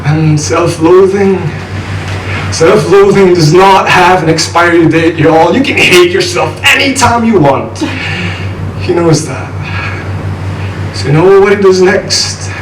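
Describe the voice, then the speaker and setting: At a live student event before an audience, a young Nepali man performs spoken word poetry slowly in a high-pitched voice. His delivery is rhythmic, intense and wry, and the recording is noisy, distant and echoey.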